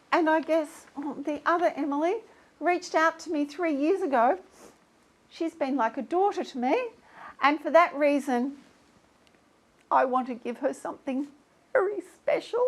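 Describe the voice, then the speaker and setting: High-voiced self-obsessed tv host lady, played by an actress, syrupy and dramatic, takes her sweet time. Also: measured pace, long pauses. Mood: mock-tearful. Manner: theatrical, syrupy and self-pitying. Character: vain self-absorbed female talk-show host. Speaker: talk-show host. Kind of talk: comic sketch acting.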